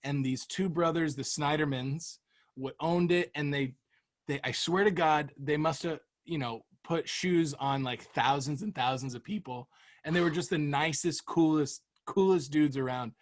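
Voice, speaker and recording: A man in his thirties hosts a podcast, telling childhood stories in casual, chatty talk and laughing often. His voice is fairly high, at a moderate pace.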